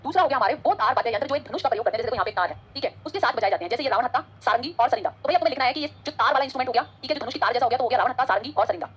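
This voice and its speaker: Teacher, female, rapid-fire exam-prep lecturing, a little husky, pitched slightly high. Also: lively intonation. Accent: Hindi-English code-switching. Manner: fast, chatty, switches between Hindi and English.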